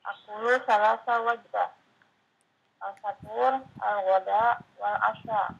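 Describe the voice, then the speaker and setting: Raspy woman reading arabic lines slowly, lots of fry, low-fi sound. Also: fairly even intonation, dull audio. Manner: slow, hesitant reading. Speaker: student. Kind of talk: reading an Arabic dialogue aloud.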